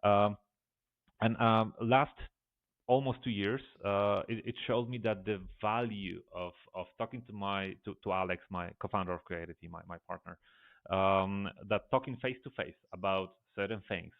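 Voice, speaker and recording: A man's voice: fairly low pitch, moderate pace, no echo. A man from Poland, hosting the interview, asking questions with many stammered repeats. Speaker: podcast host. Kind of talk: casual interview conversation. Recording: tinny phone-like call line.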